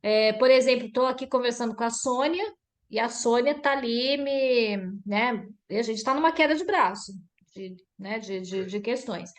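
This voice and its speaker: A woman leads an online group mentoring session, her voice sitting fairly high. She talks in a lively way and acts out sample conversations. She comes through a video call. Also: normal speed. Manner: lively, acts out example dialogues. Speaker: workshop mentor.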